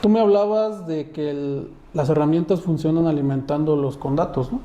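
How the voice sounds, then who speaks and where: A man's voice: fairly high pitch, moderate pace, dark tone, echoey room. A man co-hosting a webinar, chiming in with short agreements and posing reflective questions in a conversational way. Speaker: webinar co-host.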